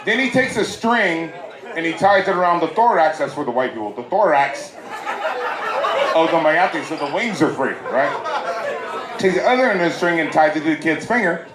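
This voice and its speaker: A man from Southern California performs stand-up at a private party. He tells loose stories in a slightly raised voice and throws playful asides to the audience. The bootleg recording echoes and carries a loud crowd. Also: fairly high pitch, expressive, normal speed. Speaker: stand-up comedian. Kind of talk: stand-up comedy set.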